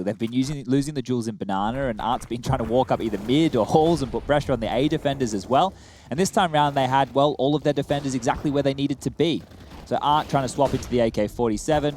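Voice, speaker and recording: Male analyst, rapid-fire tactical breakdowns, faint noise floor. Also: mid-range voice, darkish tone. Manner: explains tactics in long runs, often adding "right?". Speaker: esports analyst. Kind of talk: analytical commentary.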